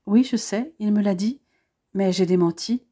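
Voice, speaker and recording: A woman voicing a loving young French woman, gentle and affectionate. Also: mid-range voice, normal speed, lightly acted.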